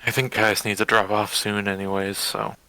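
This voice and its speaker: A man with a gravelly, low voice narrates his character's moves at a tabletop game session. His tone is bright and edgy, and his manner is relaxed and amused. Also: normal speed. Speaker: player. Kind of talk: tabletop roleplay banter.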